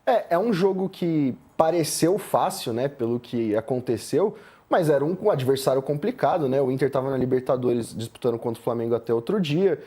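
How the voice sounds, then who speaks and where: A Brazilian man giving measured football analysis on a studio panel, often tagging "né". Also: mid-range voice, lively intonation, dark tone. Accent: Brazilian Portuguese. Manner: measured, uses filler "né". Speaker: sports commentator. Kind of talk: studio sports debate.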